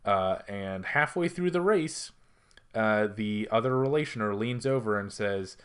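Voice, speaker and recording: A man co-hosting a podcast, speaking in a somewhat low voice. He recounts scenes in a wry, dry way during a casual review chat. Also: unhurried, clear, resonant tone. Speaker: podcast co-host.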